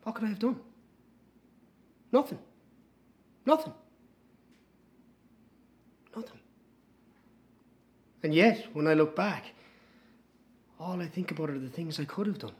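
An actor playing a haunted man, reflecting in a hushed, halting dramatic monologue. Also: on the high side, animated.

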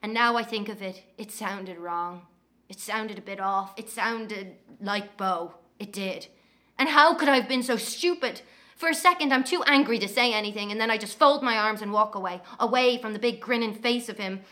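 A woman's voice: medium pitch, moderate pace, bright, forceful tone, lightly acted. An actress playing an angry young Irish woman, telling of walking home at night in a dramatic monologue.

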